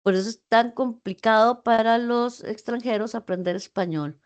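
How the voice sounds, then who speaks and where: This Costa Rican woman tutors a university class over a video call, explaining writing and often putting rhetorical questions to her students. Her voice is a little high and moves at a moderate pace. The audio is dull, as in an online class lecture.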